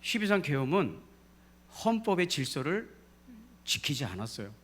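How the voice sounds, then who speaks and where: A very animated male pastor with a slightly high, fairly bright voice preaches at a moderate pace in a church sanctuary. His sermon prompts congregational responses and swells to emphatic climaxes.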